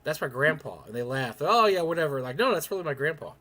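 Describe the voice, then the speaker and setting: An older man who sounds young for his age co-hosts a live stream, talking fast at a fairly high pitch. He rambles chattily through casual anecdotes, animatedly retelling them and acting out quoted dialogue.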